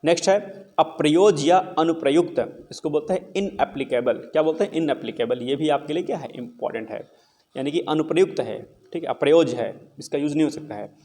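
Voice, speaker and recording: Brief: young male exam coach, slightly higher voice, casual and encouraging, keeps asking and answering his own questions. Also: brisk, a little mellow. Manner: repeats questions and answers them himself. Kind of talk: explaining vocabulary to students.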